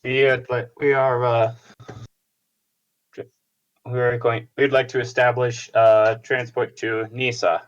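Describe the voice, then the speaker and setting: A man playing in a tabletop game, speaking hesitantly and haltingly. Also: medium pitch, little pitch movement, highs cut off. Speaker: player.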